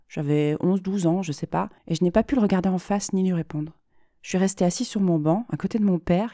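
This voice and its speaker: A woman's voice: mid-range voice, mellow, no room sound, studio quality, natural voice. A woman reading the part of an anxious, shy young woman who confides her fears hesitantly to a therapist. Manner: hesitant, self-doubting confiding.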